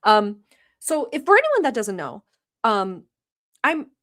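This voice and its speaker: The livestream host, a young woman born in Turkey whose first language is Turkish, talks slowly with a fairly high, slightly bright voice and huge pitch swings. She reacts to a video in chatty, teasing fashion, laughing a lot and swearing casually.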